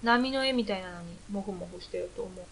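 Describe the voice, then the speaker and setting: A woman's voice: medium pitch, fast, gravelly, crowd noise, low-quality recording. A young woman from eastern Japan co-hosting a casual podcast, sweet and enthusiastic, often giggling. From Kanto, Japan. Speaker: podcast co-host. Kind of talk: casual chat.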